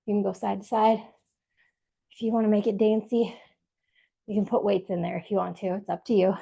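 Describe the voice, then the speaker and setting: A woman's voice: mid-range voice, level tone, fairly quick, creaky, mellow, breathy edge, lo-fi sound. A woman leading a workout over a video call, giving encouraging step-by-step cues while she exercises. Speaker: fitness instructor. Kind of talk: live workout instruction.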